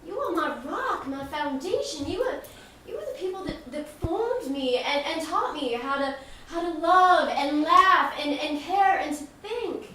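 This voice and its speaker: A woman's voice: extremely high pitch, expressive, a little slow, sharp tone, full character voice. An actress playing an earnest grown daughter, giving a heartfelt speech to her family. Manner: heartfelt, speechifying, fiercely protective. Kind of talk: film drama dialogue. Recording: roomy distant mic, faint hiss.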